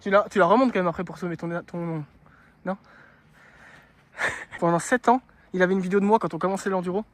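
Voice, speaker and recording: A man filming friends on a dirt hill, teasing them and shouting encouragement while laughing a lot. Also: high-pitched, fairly even intonation, brisk, pauses often, no echo. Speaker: vlogger filming friends riding. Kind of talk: casual outdoor banter. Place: outdoors on a steep dirt hill.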